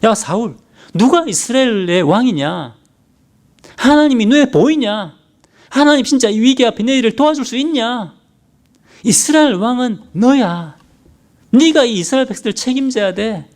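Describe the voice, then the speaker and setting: A mocking male Satan sneers and goads in a raised voice, voiced by a man in his sermon. His tempting lines leap up and down in pitch as he talks down to his target. He stays a scornful tempter throughout. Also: animated, normal speed. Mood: taunting. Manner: mocking, goading, talks down to the listener.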